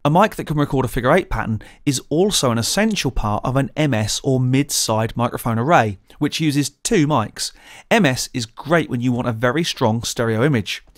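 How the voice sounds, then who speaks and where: Man, mid pitch, methodical tutorial presenter, close studio mic. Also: expressive, normal speed. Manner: clear, methodical explaining. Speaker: presenter of a gear channel. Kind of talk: scripted tutorial narration. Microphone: studio condenser mic, close.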